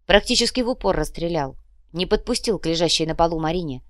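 A woman reading an audiobook in a steady, dramatic manner. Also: fairly low pitch, fast talker, dry recording, studio quality. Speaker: audiobook narrator. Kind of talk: scripted narration.

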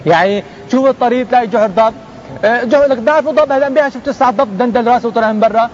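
A man giving a colloquial religious lesson to young people, lively and acting out the people he quotes. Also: rapid-fire, muffled recording, slight background noise. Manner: animated, mimics people in quoted lines with jumps in pitch. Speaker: preacher.

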